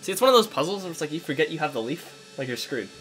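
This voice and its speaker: Man, let's play co-host, bright and easy voice, jokey rambling chat, quiet game music behind. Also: fairly high pitch, big pitch swings, racing. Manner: jokey, chatty, rambling with many "like"s. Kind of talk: casual gameplay chat.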